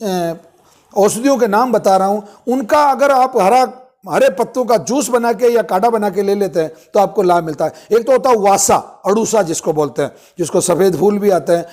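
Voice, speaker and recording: Man with a high voice, informal health talk, halting delivery with fillers. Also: darkish tone. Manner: explains step by step with many pauses and fillers. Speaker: Ayurvedic health presenter. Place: ashram.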